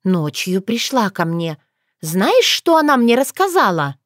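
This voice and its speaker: A woman voicing an earnest young witch girl who exclaims and pleads in a raised, high voice. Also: very animated, unhurried, no room sound, studio quality. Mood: shocked.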